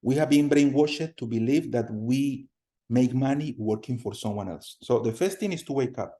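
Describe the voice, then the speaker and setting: A man from Colombia in his thirties teaching a class over a video call, energetic, often repeating words and putting questions to the students. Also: medium pitch, normal speed. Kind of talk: online class lecture. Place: home room on a video call.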